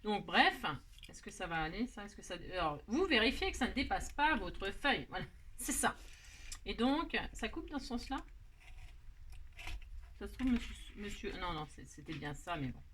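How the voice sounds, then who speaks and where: Making cards on camera, a woman keeps up a relaxed, self-mocking commentary, joking about the errors she makes along the way. She speaks at a normal speed with medium pitch, a fairly bright tone, and lots of animation, over slight background noise.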